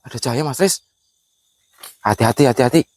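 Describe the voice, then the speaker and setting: A man on a night ghost hunt outdoors, nervous and often hushed, urging caution. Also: mid-range voice, fairly quick, no room sound. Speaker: ghost-hunting companion.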